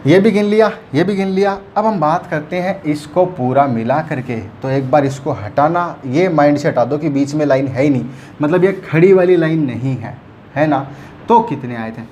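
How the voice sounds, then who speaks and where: A man's voice: fairly high pitch, normal speed, a little mellow. A man teaches counting problems at a board, speaking in a slightly raised voice. He keeps asking whether the class has followed. A faint background hiss runs under the recording. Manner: explains patiently, keeps checking students follow. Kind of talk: whiteboard math lesson.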